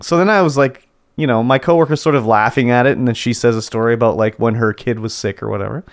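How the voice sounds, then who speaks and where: A man's voice: medium pitch, fast talker, no echo, studio quality. A man, co-hosting a podcast and telling a casual story about his office, acting out what his coworkers said. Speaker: podcast co-host. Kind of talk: casual chat.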